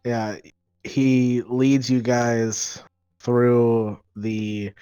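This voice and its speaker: A man improvising narration as game master of a tabletop game, halting and pausing mid-phrase. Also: lowish voice, darkish tone, smooth, no echo, lo-fi sound.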